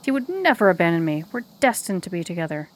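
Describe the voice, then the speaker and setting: A woman's voice: a little high, expressive, normal speed, lightly acted. A woman playing a weepy lovesick maiden. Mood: lovelorn. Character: lovesick weeping young maiden, dramatic and wistful.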